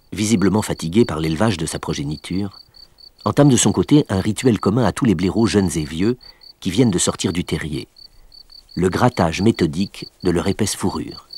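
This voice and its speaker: A man delivers scripted nature documentary narration in a measured, explanatory storytelling manner. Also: low voice, animated, a little mellow, a little hiss or hum.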